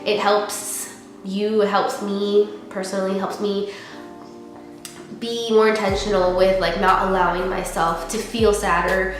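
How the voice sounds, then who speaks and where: In an empty, very echoey apartment room with music playing beneath her, a young vlogger with a cold speaks in a medium-pitched, level, unhurried voice. She is casual and earnest as she reflects, using "like" a lot.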